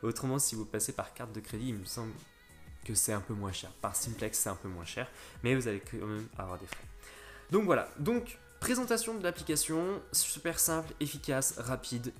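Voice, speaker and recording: A man hosting a casual step-by-step tutorial, talking viewers through an app with frequent restarts. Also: mid-range voice. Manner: step-by-step, fillers and restarts, addresses viewers directly. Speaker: crypto tutorial host.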